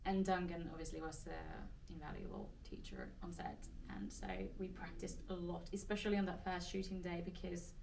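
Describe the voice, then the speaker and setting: Chatty Finnish woman, gravelly, off-mic. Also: on the low side, very animated, normal speed, few pauses, distant mic, background noise. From Finland. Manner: chatty, hesitant with restarts and fillers. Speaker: actress. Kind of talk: casual Q&A answers.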